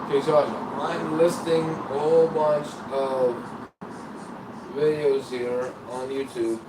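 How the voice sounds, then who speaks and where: A man's voice: on the high side, flat delivery, takes it slowly. A man talking casually on a livestream, playful and teasing, chatting to viewers in a rambling way. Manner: playful, teasing and sing-song. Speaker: livestream host. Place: apartment by an open window. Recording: echoey room, mic far off, loud street traffic.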